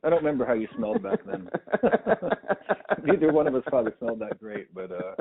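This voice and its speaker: A man's voice: on the high side, very animated, brisk, gravelly, husky. A man hosting a casual interview, joking and chuckling with his guest. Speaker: podcast host. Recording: tinny phone-like sound.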